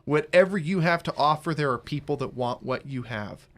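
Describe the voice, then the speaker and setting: A man hosting a radio talk show, pitching services with energy and joking with guests. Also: normal speed. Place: radio studio. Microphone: studio mic.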